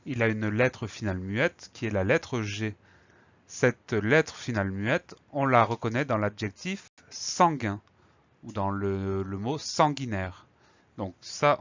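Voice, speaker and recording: A man's voice: mid-range voice, fairly bright tone, no room sound, dull audio. A man teaching spelling in a didactic, dictating manner, carefully enunciating and repeating key words. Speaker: teacher giving a spelling lesson. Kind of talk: slow instructional explanation for a dictation lesson.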